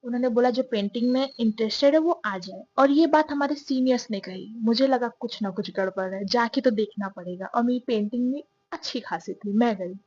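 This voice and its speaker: A woman's voice: on the high side, a little fast, hardly any pauses, a little mellow. A young woman narrating a story in a chatty, self-mocking, confiding way, as if talking to her viewers. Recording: dull, dry sound.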